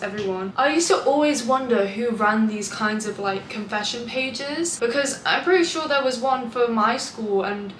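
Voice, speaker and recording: A woman's voice: a little high, a bit bright. A young British woman reading out confessions and reacting in a chatty, candid way, gleeful and amused at the gossip. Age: young adult. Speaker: online video host. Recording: echoey room, clear background noise.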